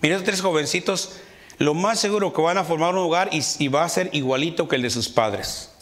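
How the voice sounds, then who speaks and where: A middle-aged man preaching a sermon in church, rising to shouts and peppering his talk with amens. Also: fairly high pitch, a little fast. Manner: mimics quarrelling voices in his anecdotes. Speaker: pastor. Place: church sanctuary.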